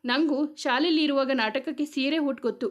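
A woman's voice: sits high, a little fast, lightly acted. A woman voicing a curt young husband. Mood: brusque. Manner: curt, snapping.

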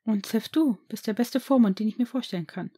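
A woman reading aloud as a gentle, caring noble mother in a fan-fiction audiobook, speaking softly and reassuringly. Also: on the high side, a little fast, breathy edge. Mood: tender.

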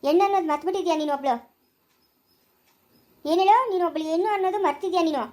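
A woman's voice: extremely high pitch, fast talker, a little mellow. A woman playing a harsh female police officer who scolds and threatens, in an amateur family drama. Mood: scolding.

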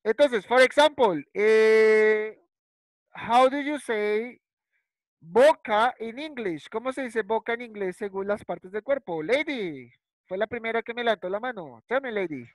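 A primary school English teacher with a fairly high voice runs a first-grade class over a video call at a measured pace, mixing Spanish and English. He repeats words patiently and checks understanding with tags like ¿cierto? and ¿listo?. There's no echo, though the recording is rough.

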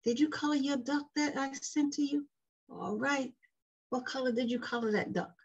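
A woman leading a slow, sing-song circle time lesson for small children, coaxing them to repeat words. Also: high voice, husky. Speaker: preschool teacher. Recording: dull lo-fi sound with faint music.

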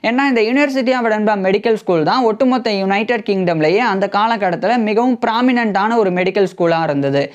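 A man's voice: sits high, lively intonation, fairly quick, hardly any pauses. Young guy with a lapel mic in a studio, explaining history casually, keeps repeating points, kinda dull lo-fi audio. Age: young adult. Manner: repeats each point and glosses English terms in plain words. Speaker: history presenter. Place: indoor studio with green-screen news backdrop.

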